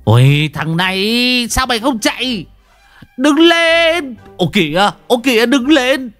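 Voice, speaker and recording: A swaggering, foul-mouthed old brute of a man, as a male storyteller puts him on. He booms and swears, and his pitch leaps wildly from growl to shout. His voice is dry and close, with faint music underneath. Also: sing-song, a little slow, no room sound. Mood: yelling. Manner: boastful, swearing, bellowing. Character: brash, hot-tempered old man, hulking as a bull.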